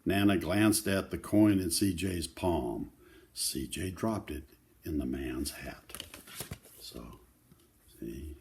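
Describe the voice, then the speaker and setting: A man's voice: low voice, takes it slowly, long pauses, darkish tone. An older man reading a children's book aloud, adding simple conversational asides to explain the pictures. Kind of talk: read-aloud storytelling with informal asides to children.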